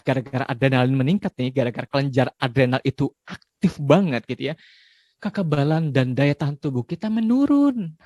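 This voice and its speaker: A man in his forties giving a parenting talk in a relaxed, conversational way, dropping frequent tag questions. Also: on the high side, no room sound, clean studio sound. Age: 40s. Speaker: parenting speaker.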